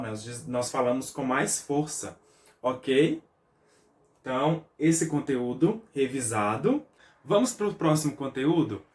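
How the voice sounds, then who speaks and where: Patient Brazilian teacher in an echoey room. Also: male voice, on the high side. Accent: Brazilian Portuguese. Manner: patient, explains step by step with frequent "tá?" check-ins and spelled-out syllables. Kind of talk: recorded review lesson for schoolchildren. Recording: roomy echo, voice a bit far from the mic.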